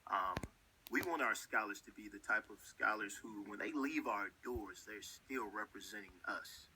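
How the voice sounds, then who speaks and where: A man who leads a school, a guest in a radio interview, speaking in a measured, earnest way. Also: on the low side, noisy background.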